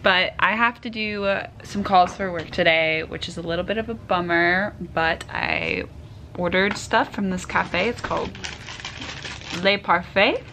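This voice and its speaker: A woman's voice: lowish voice, measured pace. Chatty young woman vlogging on the go. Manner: chatty, upbeat, filler-heavy. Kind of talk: casual travel vlog. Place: car and outdoors, on the move. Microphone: handheld camera or phone. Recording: noisy handheld recording, car noise.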